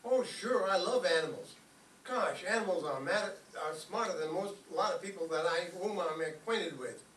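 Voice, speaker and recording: A man with a fairly bright, high-sitting voice speaks at a normal pace, playing an eager, naive teenage schoolboy who gushes folksy slang in a radio comedy. He sounds cheerful and keen, performing old-time radio comedy for an audience. The recording is roomy, with a distant microphone and faint noise.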